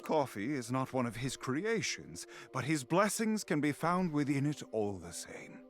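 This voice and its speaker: Pompous, dramatically swooping friar. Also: male voice, mid-range voice, sing-song, unhurried. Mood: haughty, defensive. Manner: pompous, formal, sermonizing delivery. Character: weary, stern, pompous male friar. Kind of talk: scripted video game voice acting. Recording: music behind the voice.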